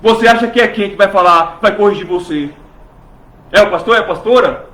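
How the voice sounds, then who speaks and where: A man's voice: high voice, brisk, fairly bright tone, echoey room, poor audio. A man preaching a fervent sermon in a church, pressing his listeners with rhetorical questions and acting out what imagined churchgoers say.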